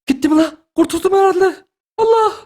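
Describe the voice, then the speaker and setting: A young man doing a comic dub over gameplay, excitable and yelling in slang. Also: very high voice, brisk, music in the background. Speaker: gaming YouTuber.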